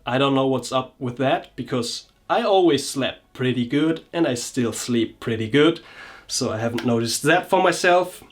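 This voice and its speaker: A vlogger and coach reflects on his personal experience, speaking at normal speed with a medium pitch and an animated voice. He's hesitant, searching for words and frequently restarting sentences.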